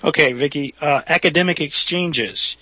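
A man's voice: fairly high pitch, normal speed, sharp tone, dry recording. A man hosting a talk show in a casual, folksy, discursive way.

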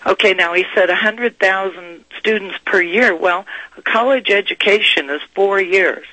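A woman's voice: mid-range voice, normal speed, pushed and bright, no echo, rough recording. A woman giving conversational political commentary as a guest, explaining hesitantly and checking in as she goes. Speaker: talk show guest commentator.

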